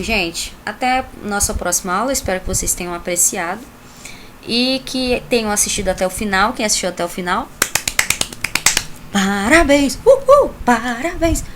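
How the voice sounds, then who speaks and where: A woman's voice: mid-range voice, fairly bright tone, slight background noise. A woman teacher with a Brazilian Portuguese accent, recording an online class from home, chatty and explaining with many tag questions.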